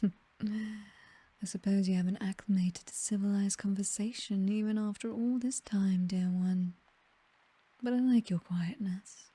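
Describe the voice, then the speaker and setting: Possessive and seductive, a British woman whispers breathily as a vampire mistress in an intimate ASMR roleplay, teasing in a languid, condescending, aristocratic manner. Her voice is medium-pitched with a dark tone, and the recording is dry.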